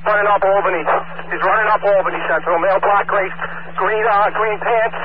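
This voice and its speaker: A police sergeant in a patrol car, calling in a chase over police radio in clipped, urgent bursts. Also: male voice, high voice, fairly even intonation, a little fast. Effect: police radio transmission. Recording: tinny noisy police radio.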